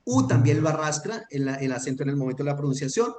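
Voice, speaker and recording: A patient, methodical male Hebrew teacher gives an online grammar lesson, checking understanding often. His fairly high voice is expressive, fast and a little mellow, recorded in an echoey room with faint noise.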